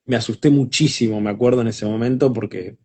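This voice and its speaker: A man's voice: mid-range voice, fairly even intonation, a little fast, warm tone, husky. Reflective man, voice actor guest. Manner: reflective, many small restarts. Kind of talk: casual interview.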